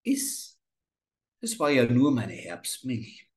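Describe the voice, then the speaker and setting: Man reading a cruel old witch, high and sly, coaxing and sinister. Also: very animated, slow pace, fairly bright tone, exaggerated voice.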